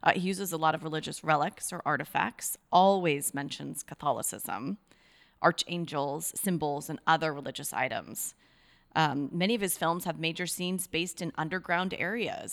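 A woman's voice: deep voice, moderate pace, creaky. A woman co-hosting a casual chat, reading facts aloud from notes with fillers.

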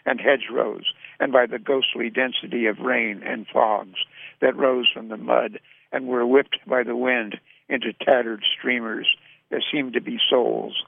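A man giving a measured, sombre literary reading, recorded with a tinny, dry radio sound. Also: mid-range voice, gravelly, no echo.

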